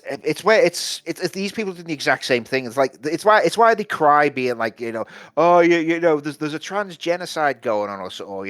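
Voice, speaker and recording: A man co-hosting a podcast, talking in halting starts and repeating his first words before getting going. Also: mid-range voice, fairly bright tone, no room sound. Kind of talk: casual podcast discussion.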